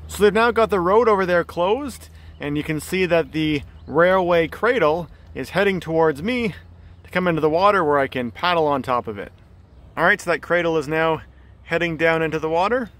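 A man in his thirties filming himself outdoors on a phone at arm's length, calmly narrating a solo canoe trip down a river like a tour guide. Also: on the high side, moderate pace. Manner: calm, informative, tour-guide-like. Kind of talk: casual travel narration. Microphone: phone camera at arm's length.

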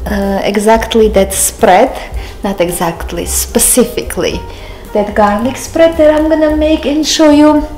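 A woman in her thirties, a native Armenian speaker, hosts a cooking show in a large home kitchen, chatting casually, correcting herself and laughing at herself as she cooks. Her voice is on the high side with a darkish tone and an unhurried pace, it sounds reverberant, and soft music plays behind her. A handheld camera records her close up, then the camera rests on the counter.

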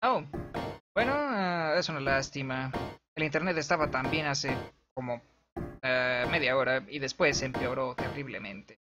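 A man giving jokey live commentary while playing a horror game, shouting at enemies and reading game text aloud. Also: medium pitch, measured pace, poor audio. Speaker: let's player streamer. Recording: game music loud behind voice. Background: game music.

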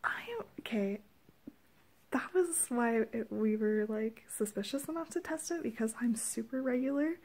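A young woman chatting casually to a phone at arm's length, giggly and often hushed and breathless. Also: fairly high pitch, moderate pace, hardly any pauses. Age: young adult. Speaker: vlogger filming a home video with partner. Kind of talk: casual chat to camera. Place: small indoor room at home. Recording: noisy phone recording with clicks.

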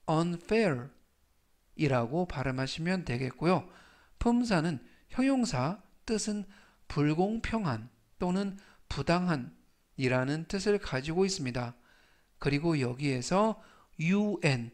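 A man leads a scripted vocabulary lesson. His voice sits slightly high for a man, and he speaks very slowly and patiently. He says each new word three times. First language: Korean. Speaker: English vocabulary teacher.

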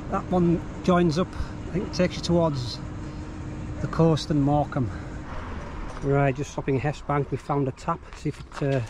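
A middle-aged man talks through his bike ride in a relaxed, rambling way, full of ums. He is recorded outdoors on a camera mic, with faint background noise behind him. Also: fairly high pitch, normal speed. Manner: relaxed, many fillers. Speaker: bikepacking vlogger. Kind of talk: casual travel narration. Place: outdoors on canal towpath.

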